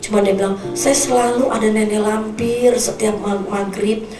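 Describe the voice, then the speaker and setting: A woman's voice: medium pitch, fairly even intonation, moderate pace. A woman in her fifties, an evangelist preaching a sermon with a personal testimony, speaking colloquially and acting out the people she quotes. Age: 50s. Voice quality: slight cough. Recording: echoey hall from a distance, with music. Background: instrumental music.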